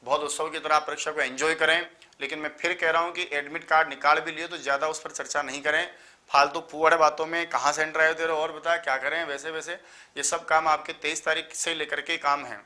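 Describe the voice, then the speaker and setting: A man, tired after just waking up, teaching a live online exam-prep lecture and listing terms in quick runs. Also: fairly high pitch, level tone, pushed and bright. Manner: explanatory, lists terms in quick runs, addresses students as sir.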